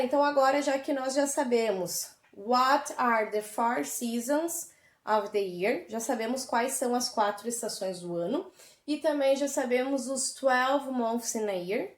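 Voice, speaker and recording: A woman with a Brazilian Portuguese accent, teaching an English lesson remotely and explaining words slowly and clearly to children. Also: a little high, reverberant.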